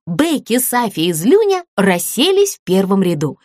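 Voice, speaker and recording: A woman narrating a children's audiobook, expressive and animated. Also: mid-range voice, normal speed, no echo, clean studio sound.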